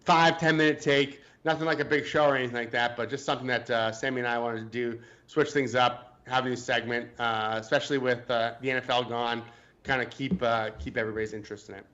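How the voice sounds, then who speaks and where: A man's voice: mid-range voice, steady tone, quick pace, a bit bright, lo-fi sound. A man co-hosting a casual sports podcast, hesitant and joking, often restarting his sentences. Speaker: podcast co-host.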